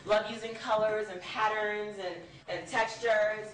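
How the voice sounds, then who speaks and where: A woman from Liberia, a fashion designer, giving an emphatic, sassy pitch with playful rhetorical asides. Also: steady tone, unhurried. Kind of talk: lively self-promoting pitch. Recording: roomy, distant mic, faint background noise.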